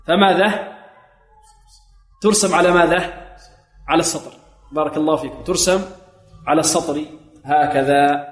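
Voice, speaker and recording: A man with a fairly high voice gives a lesson on the rules of Quran reading. He asks his students questions, answers them himself, and slows down to sound out words as they are recited. The recording rings with a long echo, as if made in a large hall. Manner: asks students questions and answers them himself, often repeating "may God bless you".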